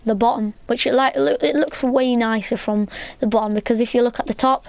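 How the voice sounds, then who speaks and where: A woman's voice: on the high side, fairly quick, vocal fry, a little mellow, no echo. A woman hosting a casual gameplay tutorial, chatty and rambling, with plenty of fillers. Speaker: gaming channel host.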